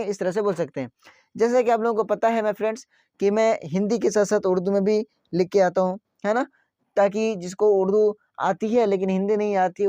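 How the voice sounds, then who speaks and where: High-voiced man teaching spoken English. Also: dark tone, dry recording, dull audio. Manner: asks the class questions and repeats each phrase; often adds "है ना?" to check the viewers follow.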